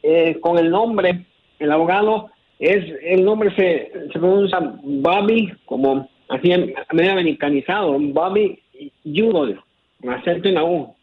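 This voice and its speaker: A man's voice: sits high, normal speed. A man calling in by phone, patiently explaining and correcting a pronunciation in casual talk. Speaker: caller. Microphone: telephone. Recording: tinny phone line.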